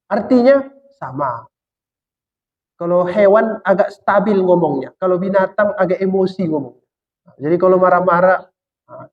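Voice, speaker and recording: A man giving a Quran exegesis lecture, colloquial and humorous, asking questions and answering them himself. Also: high voice. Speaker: Islamic preacher. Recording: dull lo-fi sound in a reverberant hall.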